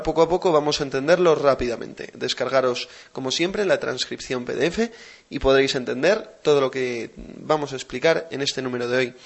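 A man hosting a language lesson podcast, explaining slowly and patiently and repeating words for practice. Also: a little high. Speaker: language teacher and podcast host.

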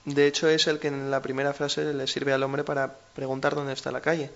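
A man's voice: medium pitch, monotone, brisk, vocal fry, dull audio. A man with a Spain Spanish accent co-hosting a language lesson, explaining patiently with everyday examples. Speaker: language teacher co-host.

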